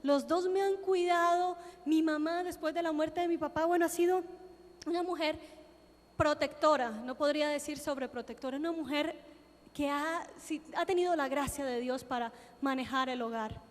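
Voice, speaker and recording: Telling her testimony from the pulpit, this Colombian preacher re-enacts the prayers and conversations she describes. She speaks at a moderate pace in a steady, high-sitting voice, echoing with the long reverb of a big hall.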